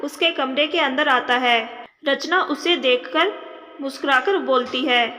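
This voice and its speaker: A woman narrating a family drama story in a steady storytelling manner. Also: high-pitched, unhurried. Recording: long reverb.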